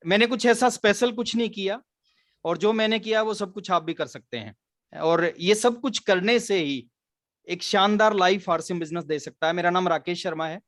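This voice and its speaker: A man from Haryana, India, delivers a sincere motivational business training talk, telling stories earnestly and sprinkling English words into his Hindi. His voice is high and fairly bright, at a moderate pace, recorded clean in a studio with no echo.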